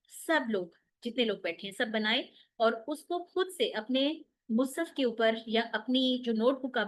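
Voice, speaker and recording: A woman teaching an online Quran recitation lesson, explaining mistakes step by step and answering her own questions. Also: a little high.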